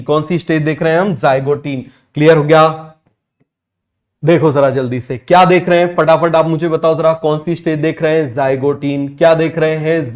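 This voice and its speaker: A man teaching biology in a fast exam-prep lecture, firing quick questions at students and repeating key terms slowly, mixing with terms. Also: a little high, darkish tone. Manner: rapid, drilling questions, repeats answers slowly.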